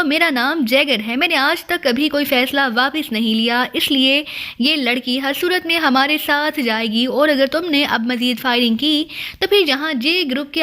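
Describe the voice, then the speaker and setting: A woman voicing a threatening, brutish male gang leader who shouts and snarls his threats. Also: sits high.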